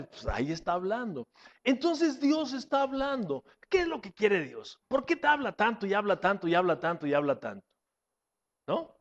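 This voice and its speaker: High-voiced emphatic preacher man. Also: lo-fi sound. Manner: emphatic, rising to loud exclamations and dropping to hushed asides. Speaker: pastor. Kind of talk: sermon.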